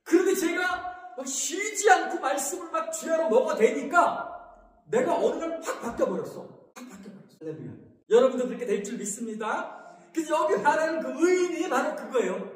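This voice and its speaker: A male pastor preaching an animated sermon, asking the congregation questions and answering them himself. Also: very high-pitched. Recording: echoey hall from far off.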